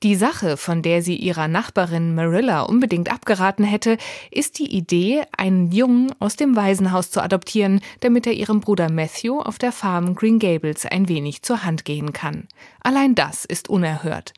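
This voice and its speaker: A woman presenting a scripted audiobook review in a lively, clear way. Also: fairly low pitch, moderate pace, dry recording, studio quality. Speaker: book reviewer.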